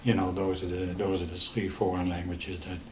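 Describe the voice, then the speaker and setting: An interview guest in his eighties from the Netherlands, speaking with a Dutch accent, tells stories from memory in a casual interview. His very low voice stays flat and even as he speaks slowly, halting with many pauses and restarts. The room is echoey, with faint ambience and slight background noise.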